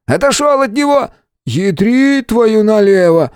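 A man voicing an excitable, loud male sidekick in an audiobook, speaking high and jumpy. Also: measured pace, clean tone, dry recording, studio quality. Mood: shouting. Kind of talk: audiobook character voice.

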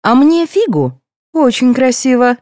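A woman's voice: high-pitched, very animated, a little slow, a little mellow, dry recording, pitched above the performer's own voice. Lady doing a sulky teen girl, whiny and jealous, dry close sound. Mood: sulking. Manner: whiny, resentful.

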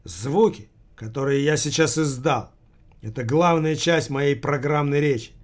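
A man's voice: on the high side, moderate pace, natural voice. A man voicing a deranged engineer giving a pompous, contemptuous speech over the radio.

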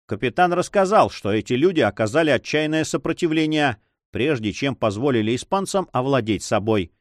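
A man narrating an adventure novel as an audiobook, in an expressive reading. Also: mid-range voice, brisk, no echo, clean studio sound. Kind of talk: scripted narration.

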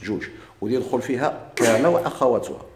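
A man with a Moroccan Arabic accent teaching Arabic grammar in a classroom lecture. He asks questions and answers them himself, and drags out his examples slowly. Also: mid-range voice, very animated, a crowd in the background. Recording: echoey room.

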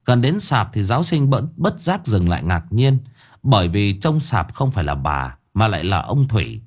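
Deep, husky male audiobook narrator. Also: very animated, moderate pace. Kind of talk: scripted narration.

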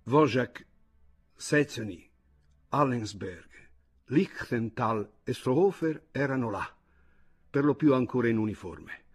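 A man reading literary fiction aloud as a first-person narrator, measured and grave. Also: mid-range voice, animated, breathy edge. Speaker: audiobook reader.

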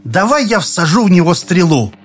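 A man's voice: high voice, sing-song, moderate pace, slightly rough, pitched above the performer's own voice, exaggerated voice. A man voicing a bold young girl who plays at war, teasing and matter-of-fact, in an audiobook reading. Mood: eager.

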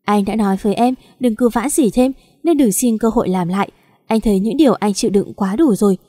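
A woman's voice: mid-range voice, quick pace, warm tone, dry recording, clean studio sound, close to an everyday voice. A woman reading the lines of a betrayed husband in his thirties who speaks with cold, restrained anger in an audio story. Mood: bitter.

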